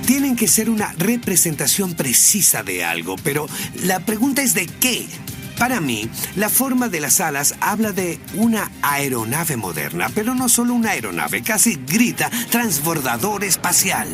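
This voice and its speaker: A man giving informal, emphatic commentary in a documentary, speaking in an animated way. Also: high voice, normal speed. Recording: music behind the voice.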